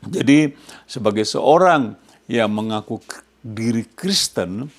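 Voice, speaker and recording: A man's voice: mid-range voice, creaky. A male pastor preaching a sermon, questioning his congregation and answering himself when he speaks English. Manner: asks the congregation questions and answers them himself, rising loud on quoted words.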